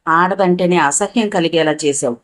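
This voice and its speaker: A woman's voice: on the low side, normal speed, natural voice. Woman reading as a furious young man. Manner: harsh, threatening. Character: angry young man scorning a deceitful woman.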